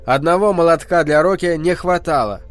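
A man reading a novel aloud as narrator, with measured, expressive storytelling. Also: a little high, faint music behind. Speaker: audiobook narrator. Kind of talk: scripted narration.

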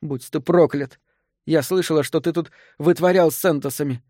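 A man reading an audiobook, voicing a deranged grieving woman who confesses to a killing, hoarse with rage and near sobbing. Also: steady tone, moderate pace, dark tone, dry recording, studio quality, close to an everyday voice. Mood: menacing. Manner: shrill, vengeful outbursts.

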